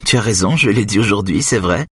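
A man's voice: on the low side, animated, brisk, slightly rough, no echo, clean studio sound, pitched above the performer's own voice. A man voicing a cheerful, playful adult woman in an audiobook, speaking in a raised, amused tone. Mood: eager. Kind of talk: audiobook character voice.

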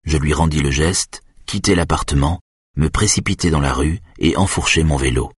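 A man narrating a literary novel in the first person, with a calm, measured reading. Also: rumbling low, slight background noise. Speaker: audiobook narrator.

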